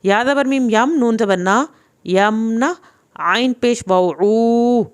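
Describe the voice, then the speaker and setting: A young woman with a fairly high, clean voice teaches Quran reading in a slow, spelled-out lesson. She sounds out each letter and vowel mark syllable by syllable, then explains the rules.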